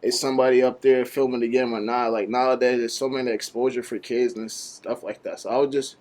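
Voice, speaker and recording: A man's voice: mid-range voice, level tone, fairly quick, a little mellow. Laid-back young man, filler-heavy talk. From Nigeria. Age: young adult. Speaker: guest, college basketball player and content creator. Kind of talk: casual interview chat.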